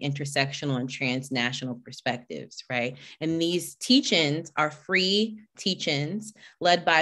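A woman hosting an online teach-in on a video call, chatty and welcoming as she greets people by name before moving into a more formal introduction. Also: low voice. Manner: warm, chatty greetings, reading names from the chat. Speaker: host and executive director.

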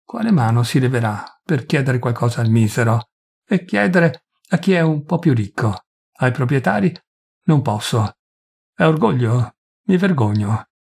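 A tormented young village priest pours out his shame in pleading, self-accusing confessions, as a man reads him aloud. The voice is gravelly and husky. It suits a spoken-word story reading. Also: mid-range voice, animated, normal speed, darkish tone. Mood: anguished. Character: poor young village priest, ashamed and anguished.

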